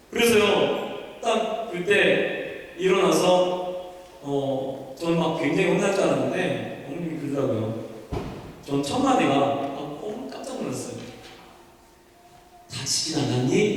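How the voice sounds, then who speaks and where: A male pastor telling a story during a sermon, repeating his words and trailing off as he goes. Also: fairly high pitch. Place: church sanctuary. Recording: echoey church hall, mic from far off.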